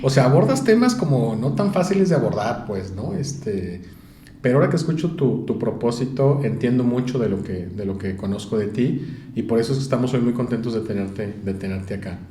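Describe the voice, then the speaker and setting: A man's voice: mid-range voice, lively intonation, a little fast, mellow, slight background noise. A man hosting a business podcast, welcoming guests formally and asking questions with frequent fillers. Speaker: podcast host.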